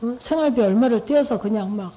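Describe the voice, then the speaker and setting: A middle-aged woman with a somewhat high but mellow voice shares her faith testimony with a church group. She talks conversationally, repeats herself and keeps turning to her listeners with rhetorical questions. The recording is dull and lo-fi. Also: brisk. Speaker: lay church speaker giving testimony.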